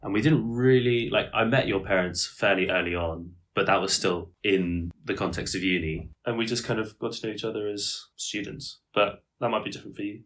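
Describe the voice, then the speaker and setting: A man from the UK co-hosting a podcast, talking in a thoughtful, measured way. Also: lowish voice, flat delivery, fairly bright tone. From United Kingdom. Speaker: podcast co-host. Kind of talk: casual chat.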